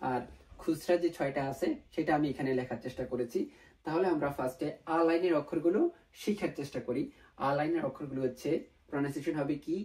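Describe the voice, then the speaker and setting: A man's voice: fairly high pitch, quick pace, a little mellow, distant mic, low-quality recording. A man teaching a language class, going through syllables one at a time and repeating warnings to be careful. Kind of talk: lesson.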